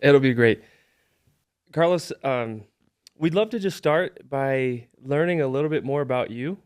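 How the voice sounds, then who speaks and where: A man hosting a podcast, reading the show's intro and then interviewing a guest in a relaxed, conversational way with self-deprecating asides. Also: mid-range voice, unhurried, clear, resonant tone. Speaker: podcast host.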